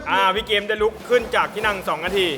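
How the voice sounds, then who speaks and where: High-voiced man hosting a quiz game. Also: quick pace, sharp tone, soft background music. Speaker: game show host and referee. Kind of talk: casual quiz hosting with polite announcements.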